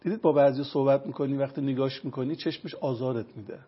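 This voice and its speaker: A man's voice: medium pitch, steady tone. A man consulting on traditional medicine, lecturing with everyday examples in an interview. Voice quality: gravelly and raspy. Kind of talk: explanatory interview talk. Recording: dull lo-fi recording.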